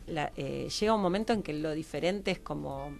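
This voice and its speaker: A woman with a low voice, vocal fry and a moderate pace speaks with an Argentine Rioplatense accent. She is a radio interview guest, a psychology professional who trains others, explaining reflectively and conversationally and often seeking agreement through tag questions.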